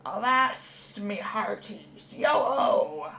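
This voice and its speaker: Casting: bellowing pirate captain, slow and growly, kids' show, a woman putting it on. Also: medium pitch, lively intonation, vocal fry, a bit bright, echoey room, exaggerated voice. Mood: swaggering.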